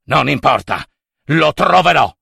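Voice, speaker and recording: A man's voice: on the high side, lively intonation, a little slow, creaky, pushed and bright, breathy edge, no room sound, clean studio sound, exaggerated voice. A man doing a raging river god. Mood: furious. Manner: bellowing, accusing. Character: furious old river god father, stern.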